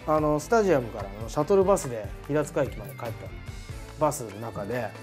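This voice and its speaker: Fast, animated male talk host. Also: mid-range voice, faint music behind. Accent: Japanese. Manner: lively, laughing, rambling storyteller. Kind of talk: casual chat.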